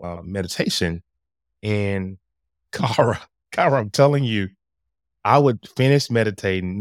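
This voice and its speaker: Podcast guest, male coach. Low-pitched, magnetic voice, earnest animated storyteller, very dry recording. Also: dry recording.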